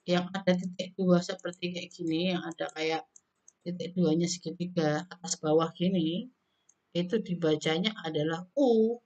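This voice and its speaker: A woman teaching English pronunciation in a casual recorded lesson, loudly modeling each sound and repeating it with friendly filler tags. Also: on the low side, normal speed, lo-fi sound.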